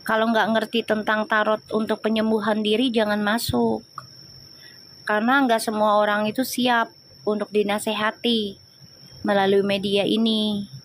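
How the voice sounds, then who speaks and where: A woman's voice: medium pitch, level tone, moderate pace, slight background noise. Chatty tarot reader woman. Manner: chatty, scolds commenters, switches to slangy banter. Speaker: tarot reader on a live stream. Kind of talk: live-stream tarot reading and chat replies.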